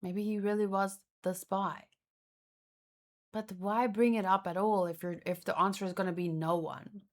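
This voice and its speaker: Speaking at a moderate pace with fairly even intonation, a woman with a mid-range voice hosts a manga read-along. Her casual reaction commentary is musing and tentative, full of repeated words as she works through her thoughts.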